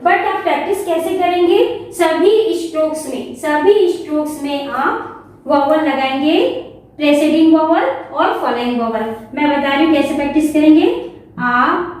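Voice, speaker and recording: A woman shorthand teacher giving a classroom lesson, slowly sounding out each vowel and repeating it. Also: sits high, darkish tone, heavy reverb, recorded from a distance. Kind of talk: classroom lesson, explaining step by step.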